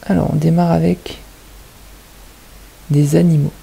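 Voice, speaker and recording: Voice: medium pitch, little pitch movement, measured pace, creaky, dark tone, breathy edge, poor audio. A kindergarten teacher with a French accent, patiently explaining a lesson to young children and asking them questions step by step.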